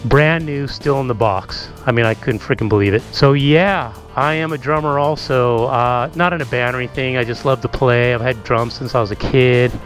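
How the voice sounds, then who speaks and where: A man in middle age giving a casual, relaxed tour of his home garage, talking through a helmet-mounted camera mic with lots of ums and asides. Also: mid-range voice, normal speed, few pauses, soft background music. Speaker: motovlogger.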